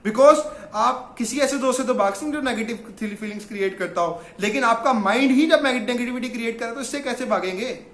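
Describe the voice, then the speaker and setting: A man's voice: very high-pitched, hardly any pauses, a bit bright, echoey room. A man giving a motivational self-help talk in Urdu, mixing in English phrases and guiding the listener through affirmations.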